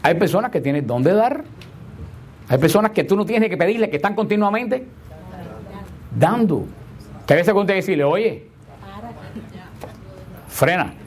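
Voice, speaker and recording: A male preacher gives a homily to his congregation in a slightly higher-than-usual voice. He leans on repeated rhetorical questions, slowing to stress key words and then rushing through asides. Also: lively intonation, a little mellow. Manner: emphatic, repeats rhetorical questions, shifts between slow stress and quick asides.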